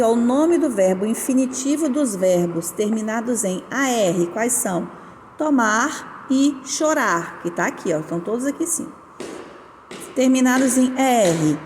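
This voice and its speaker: A woman's voice: on the high side, darkish tone. Woman teacher, patient and explanatory; reverberant room, slight noise. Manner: patient, explanatory, stresses syllables slowly. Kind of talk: recorded class lesson. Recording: roomy with long reverb and faint noise.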